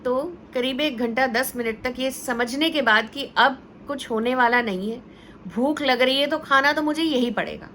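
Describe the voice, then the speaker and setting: A woman teacher talks parents through everyday problems in a relaxed, conversational way. Her voice is bright and forceful and sits a little high, with English words slipped into her speech. A faint noise runs behind her. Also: normal speed. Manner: storytelling with acted quotes. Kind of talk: parenting advice talk.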